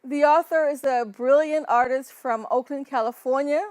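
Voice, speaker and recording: A woman hosting an interview show, putting deliberate questions to her guest. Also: high voice, a little mellow, no echo. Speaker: show host. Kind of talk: hosted interview.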